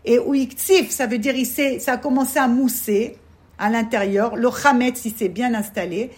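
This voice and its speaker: High-voiced woman teaching a lively class. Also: normal speed. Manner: lively, asks rhetorical questions, checks in with "d'accord?". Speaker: religious teacher. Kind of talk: Torah class for women.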